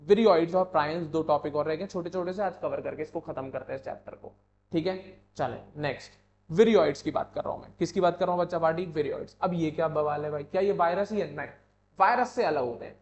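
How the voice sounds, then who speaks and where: A man's voice: fairly high pitch, darkish tone. A man teaching a biology exam-prep class in Hindi with English terms, asking questions and repeating the answers back to students. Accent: Hindi-English code-switching. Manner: reads English textbook lines slowly, then explains in Hindi. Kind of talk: online exam-prep lecture. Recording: echoey lo-fi room with faint hum.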